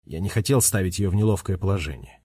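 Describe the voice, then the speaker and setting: A man narrating a children's audiobook in an expressive way, giving each character a voice. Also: sits low, fast talker, breathy edge, dry recording, clean studio sound. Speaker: audiobook reader.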